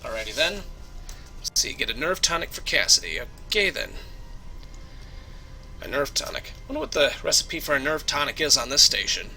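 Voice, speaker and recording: A man's voice: a little high, sing-song, moderate pace, long pauses, bright, forceful tone, soft background music. Wry man doing casual game commentary. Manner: wry, joking asides. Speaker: let's play host.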